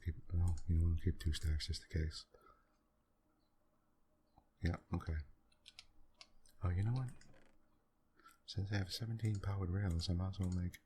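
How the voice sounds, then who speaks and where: A man quietly talking through a computer game in a soft-spoken ASMR style, musing aloud at an unhurried pace with many pauses. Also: low-pitched, slight background noise. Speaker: gaming channel host.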